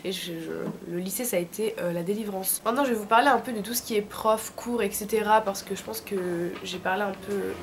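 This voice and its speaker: Brisk and gravelly, with hardly any pauses, a medium-pitched female voice belongs to a French vlogger in her late teens. She's ill with a throat infection, her tonsillitis making her voice thick and sore as she gives slangy, casual advice, with a little hiss or hum present.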